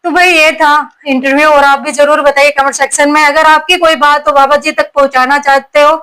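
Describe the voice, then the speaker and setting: Woman news interviewer, high voice, direct and probing. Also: level tone, fairly quick, pushed and bright, low-quality recording. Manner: probing questions, direct sign-off to viewers.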